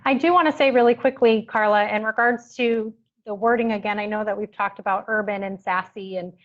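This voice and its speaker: A woman's voice: medium pitch, fairly even intonation, brisk. A woman speaking sincerely as a talent agent in a town hall on a video call. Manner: sincere, reassuring. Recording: dull lo-fi video call audio.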